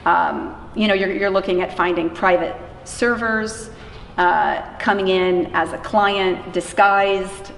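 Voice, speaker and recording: A woman in anti-trafficking work, interviewed about her job, uses a lowish, fairly bright voice with fairly even intonation at a slow pace. Her conversational answers are emphatic and informal, with points illustrated by acted-out quotes, and the recording has an echoey, reverberant room and clear background noise.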